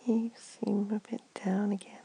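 A woman in an ASMR comfort roleplay, talking in a soft, gentle whisper. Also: mid-range voice, little pitch movement, unhurried, slight background noise, rough recording. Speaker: ASMR performer.

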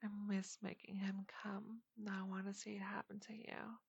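A woman's voice: mid-range voice, fairly even intonation, slow, creaky, dull audio, slight background noise. A woman playing a seductive, teasing adult superheroine in an intimate erotic audio role-play, speaking breathily and often half-whispering. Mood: breathy, intimate.

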